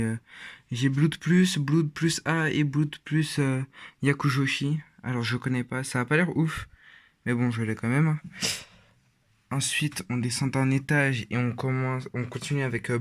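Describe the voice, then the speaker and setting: A man's voice: medium pitch, fairly bright tone. Rambling teen guy, casual. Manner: rambling, hesitant with many fillers. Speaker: vlogger. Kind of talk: casual shelf tour.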